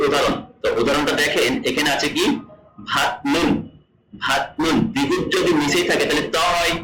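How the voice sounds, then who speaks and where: A man's voice: fairly high pitch, bright, forceful tone. Bangladeshi man teaching from a roomy distance. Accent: Bangladeshi Bengali. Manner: repeats each example word slowly, asks and answers his own questions. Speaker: Korean language teacher. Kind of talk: explaining lesson to online students. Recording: echoey room, voice a bit off-mic.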